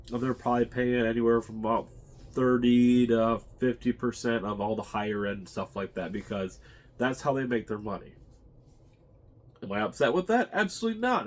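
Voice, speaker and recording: A congested man hosting his own channel, rambling casually as he thinks out loud. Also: mid-range voice. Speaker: channel host. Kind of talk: casual unboxing chat.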